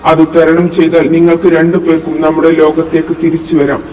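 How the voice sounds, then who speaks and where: A man's voice: fairly high pitch, completely flat delivery, a little fast, warm tone, dull audio, lightly acted. A man voicing a solemn, commanding male lord who speaks formally, like pronouncing a judgment. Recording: echoey room with long reverb, from far off, music behind.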